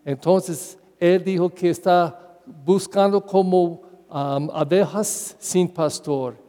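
A parish priest giving a Sunday homily in Spanish as a second language, with an English accent, halting and putting questions to the congregation. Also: male voice, high voice, steady tone, warm tone, long reverb tail. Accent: English-speaking. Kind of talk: sermon.

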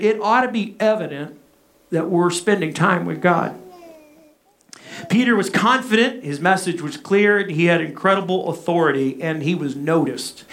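A man's voice: high-pitched, a bit bright. A man delivers a sermon. He speaks as a pastor, pressing his points with repetition and rhetorical questions. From Arkansas, United States.

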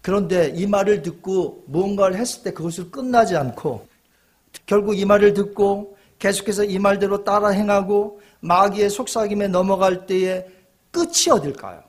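A man's voice: sits high, normal speed. A male pastor preaching a sermon emphatically, with frequent rhetorical questions.

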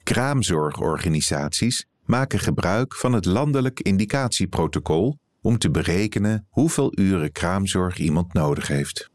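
Guy with a real low voice reading an article out loud, calm and even, super dry close mic. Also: no echo. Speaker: editor-in-chief reading an article aloud. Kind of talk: scripted narration.

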